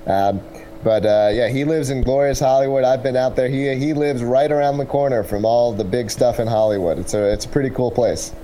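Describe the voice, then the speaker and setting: Relaxed, mellow man explaining things in an interview. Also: mid-range voice, a little fast, a little hiss or hum, low-quality recording. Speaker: tech startup representative being interviewed. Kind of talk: casual explanatory interview answers.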